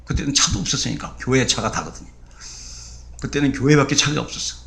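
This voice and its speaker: A middle-aged man preaching a sermon as a pastor, telling a story with lively bursts and acted-out quotes. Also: fast talker, creaky. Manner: animated, acts out quotes with sudden high bursts.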